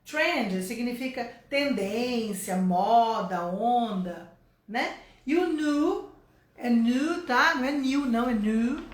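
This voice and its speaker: A woman's voice: fairly high pitch, animated, takes it slowly, roomy sound. A woman from Brazil teaching a casual online English lesson, explaining step by step and checking in with her listeners often.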